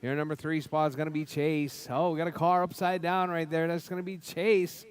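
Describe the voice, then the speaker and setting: A man's voice: a little high, little pitch movement, fairly quick. A man giving live race commentary like a spotter, in repetitive clipped calls of running order and cautions. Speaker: race announcer.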